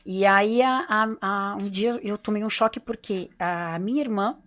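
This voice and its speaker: A woman's voice: medium pitch, unhurried, a bit bright. A woman with a Brazilian accent, a doctor who runs a nutrition clinic, telling her personal story as a podcast guest in an earnest, confiding way, often tagging her sentences with "né?" and repeating phrases.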